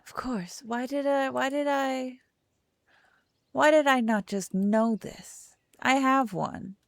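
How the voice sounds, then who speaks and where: A young woman with a high, gravelly voice speaks slowly over a dry recording while streaming a game. She rambles and corrects herself as she chats casually, reading the game's text aloud.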